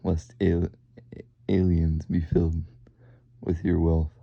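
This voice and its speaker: A man reads scripture in a very low, completely flat voice with a creaky, gravelly edge. He goes slowly and haltingly, deadpan throughout. The recording is dry and somewhat dull. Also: no room sound. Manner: deadpan, halting with stumbles over words. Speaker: reader. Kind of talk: monotone scripture reading.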